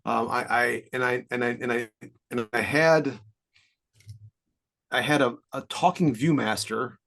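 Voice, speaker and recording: Steady and unhurried, his medium-pitched voice comes across creaky and a bit bright. He's a fifty-something man co-hosting a podcast, rambling through casual, explanatory chat and chuckling often.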